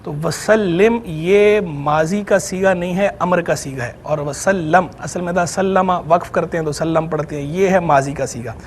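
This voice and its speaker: Brief: Pakistani male scholar, high-pitched, methodical TV explainer, faint studio hum. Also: moderate pace, hardly any pauses. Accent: Pakistani Urdu. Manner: patient, methodical explaining of grammar terms. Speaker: Islamic scholar answering questions. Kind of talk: explanatory religious Q&A on TV.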